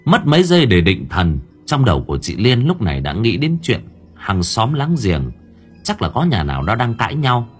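A man narrating a story with lively, expressive storytelling. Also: mid-range voice, normal speed, soft background music. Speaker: audiobook narrator.

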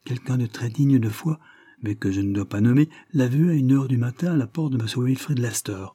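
A man's voice: medium pitch, fairly quick, dark tone, breathy edge, no room sound, studio quality, close to an everyday voice. A man reading an audiobook and voicing a sly, spiteful woman who feigns innocence and gossips in a wheedling way. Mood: gossiping.

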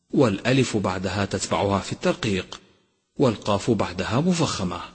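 A man teaching Quran recitation, slowly and carefully sounding out each example word. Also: fairly low pitch, husky. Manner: slow, deliberate demonstration of pronunciation. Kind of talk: instructional lesson with recited examples. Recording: long hall reverb.

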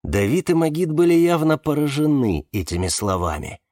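A man's voice: fairly high pitch, very animated, moderate pace, a little mellow, no echo, clean studio sound. Man narrating a dramatic audiobook.

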